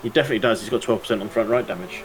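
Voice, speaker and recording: Excitable male sim racing commentator. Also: fairly low pitch, very fast, crowd noise, low-quality recording. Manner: excitable, voice jumps up during close battles. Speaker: race commentator.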